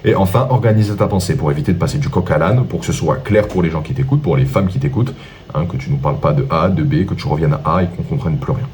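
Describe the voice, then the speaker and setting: A man's voice: rumbling low, fast talker, darkish tone, slight background noise. A man speaking as a dating coach, giving an instructional monologue and laying out his points one by one with rhetorical questions.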